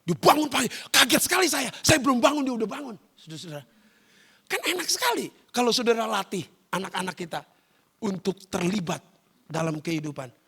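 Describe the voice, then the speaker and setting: A middle-aged male pastor preaching a lively sermon to his congregation, often addressing them directly and acting out family scenes. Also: sits high, fairly quick, creaky, slightly rough. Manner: animated, acts out family scenes. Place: church service.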